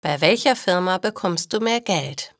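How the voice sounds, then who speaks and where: A woman doing a loud, upbeat young friend. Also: on the low side, lively intonation, measured pace, dry recording, studio quality. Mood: encouraging.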